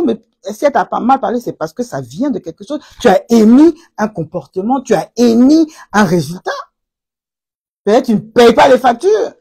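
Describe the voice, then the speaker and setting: Woman hosting a live stream, husky and gravelly, preachy, breaks into loud exclamations. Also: on the high side. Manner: preachy, rises to loud exclamations and repeats "aïe". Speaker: live stream host answering viewer comments. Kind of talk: impassioned casual talk on faith and couples.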